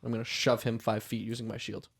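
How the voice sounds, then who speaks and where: A man's voice: fairly low pitch, level tone, fast talker, vocal fry. A man playing a tabletop game, talking bluntly and eagerly and swearing freely. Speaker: player. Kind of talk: casual tabletop game chat.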